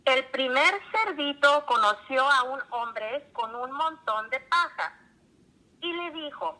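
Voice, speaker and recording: A woman reading a children's story aloud in a slow, clear storytelling manner. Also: high voice, lively intonation, bright, forceful tone, poor audio.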